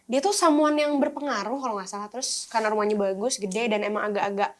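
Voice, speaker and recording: Fast-talking young woman telling a story. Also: medium pitch. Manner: lively storytelling, acting out quoted voices. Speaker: actress guest. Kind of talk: casual podcast chat.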